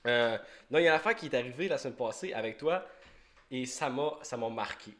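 A man's voice: medium pitch, animated, brisk, a bit bright. A young Québécois man chats on his homemade podcast. He rambles, restarts his sentences and repeats words. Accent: Québécois French. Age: young adult. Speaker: podcast host. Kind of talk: casual podcast chat. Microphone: home podcast mic.

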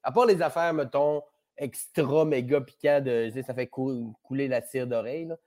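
As a podcast guest in a casual conversation, a Québécois French-accented man rambles, jokes around, and swears without restraint. His voice is medium in pitch and a little mellow, and he talks at a moderate pace.

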